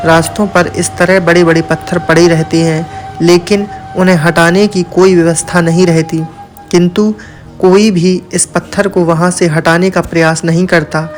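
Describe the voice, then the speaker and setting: A high-voiced man reads a moral story from a script at normal speed, with music playing along. His delivery is level throughout, with little rise and fall in pitch.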